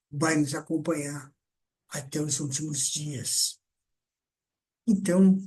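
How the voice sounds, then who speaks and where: An older man giving a lecture on communication, teaching in a deliberate, conversational way with frequent filler tags. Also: a little high, dark tone. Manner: slow, deliberate, conversational teaching with many "então" and "né". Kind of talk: lecture on speaking and presentation.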